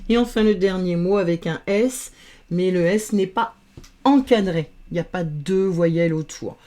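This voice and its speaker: A woman teaching reading, patiently sounding out letters and syllables in a slow phonics lesson. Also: lowish voice, mellow.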